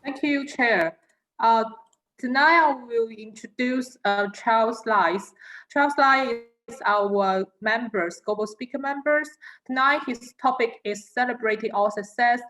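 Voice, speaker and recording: A woman introducing a speaker at an online meeting, reading hesitantly with filler pauses. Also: fairly high pitch, fairly bright tone, rough recording. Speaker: speech evaluator. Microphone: video call.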